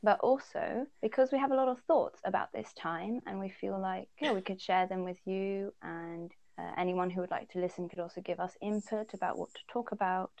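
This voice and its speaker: A woman's voice: mid-range voice, fairly even intonation, brisk, gravelly, hardly any pauses, a little mellow, dry recording. A woman from the Netherlands chats casually as a podcast co-host. She laughs often and thinks aloud, with plenty of ums along the way. Her voice sits close and dry, with no room sound around it. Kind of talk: casual chat.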